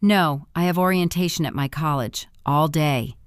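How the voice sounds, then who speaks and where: A deadpan young cashier with a dry wit, voiced by a woman reading the story. Her delivery stays flat and monotone, and the audiobook sound is close and dry with no room around it. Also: low-pitched, moderate pace, smooth, no echo, lightly acted. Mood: wry. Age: young adult. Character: young woman, sarcastic bored fast-food worker.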